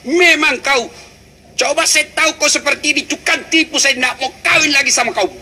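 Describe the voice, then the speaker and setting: A man preacher voicing a furious middle-aged wife in a shrill insulting rant. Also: brisk, sharp tone, full character voice.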